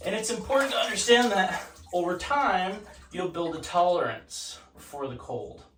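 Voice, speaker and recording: A man demonstrating ice baths sits in ice cold water and casually instructs the camera like a home vlogger, his somewhat high, fairly bright voice lively in intonation at a moderate pace. He's recorded from a distance and off-mic, amid bathroom echo and water noise.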